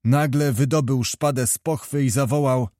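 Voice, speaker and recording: A man narrating a historical novel in a measured, expressive storytelling voice. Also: mid-range voice, dry recording, clean studio sound. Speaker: audiobook narrator.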